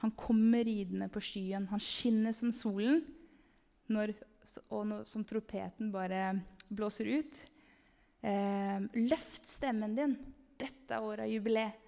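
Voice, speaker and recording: A woman giving an animated, emphatic testimony sermon about a vision, sometimes calling out loudly to the listeners. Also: a little high, creaky. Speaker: speaker sharing a vision. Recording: long hall reverb.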